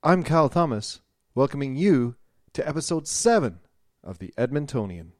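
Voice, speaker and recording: A man's voice: medium pitch, sing-song, moderate pace, a little mellow, lightly acted. A man playing a polite, earnest local interview show host, speaking a little hesitantly in a mock radio interview. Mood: upbeat, presenting.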